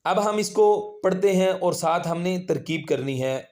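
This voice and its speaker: A man teaching Quran reading, spelling out syllables slowly and patiently and drawing out the vowels. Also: sits high, darkish tone. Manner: slow, patient, drawn-out syllables when spelling. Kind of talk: spelling-out recitation lesson.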